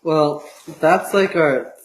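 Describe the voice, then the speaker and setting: A man's voice: fairly high pitch, takes it slowly, echoey room, slight background noise, rough recording. A teenage boy co-hosting a podcast, chatting casually and teasing his friend, with lots of "um" and "like". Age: teens. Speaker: podcast co-host. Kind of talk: casual chat.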